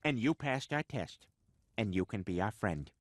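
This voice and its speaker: A man's voice: on the low side, lively intonation, moderate pace, dry recording, studio quality. An actor voicing a boisterous, goofy male cartoon host with chummy, rambling announcer talk. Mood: announcing.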